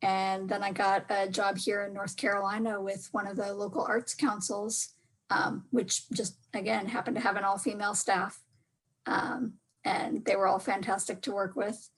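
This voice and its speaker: Woman arts administrator, husky voice, modest and steady, panel guest on a video call. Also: mid-range voice, normal speed, low-quality recording. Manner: steady and modest, frequent ums. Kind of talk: casual panel discussion.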